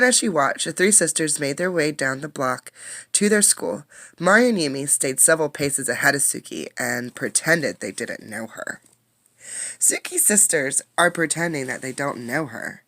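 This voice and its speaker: Taking a teacher's role, a woman expressively reads a children's picture book to listeners, explaining vocabulary and asking them questions along the way. Her voice is low and a bit bright.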